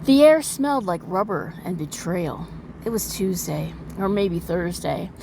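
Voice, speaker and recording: A woman's voice: fairly low pitch, animated, a little slow, creaky, mellow, a little hiss or hum, poor audio. A woman performing a sardonic noir romance heroine in a hammy, theatrical stage-actor manner for a melodramatic dramatic reading.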